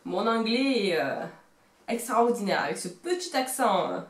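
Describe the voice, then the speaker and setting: A woman's voice: mid-range voice, big pitch swings, normal speed. Chatty woman with a Marseille accent. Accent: Marseille French. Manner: rambling, self-mocking, hesitant. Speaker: knitting vlogger. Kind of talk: casual show-and-tell chat. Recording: roomy echo.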